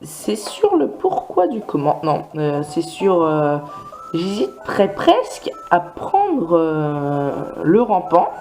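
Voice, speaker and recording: A man's voice: fairly high pitch, huge pitch swings, slow, vocal fry, darkish tone, soft background music. A man doing casual gameplay commentary, rambling along with many fillers and restarts. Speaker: video game let's player.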